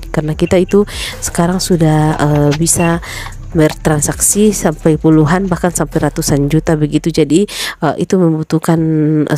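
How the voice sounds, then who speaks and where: A woman with a rural Indonesian accent and a low, warm voice casually tells her viewers about running her small shop, which operates as a banking agent. Her vlog narration is full of fillers and asides to her friends.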